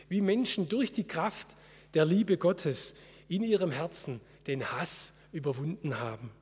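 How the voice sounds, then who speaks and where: Husky-voiced man preaching in a hall. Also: on the high side. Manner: earnest, measured preaching with slow solemn quotes. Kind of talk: sermon.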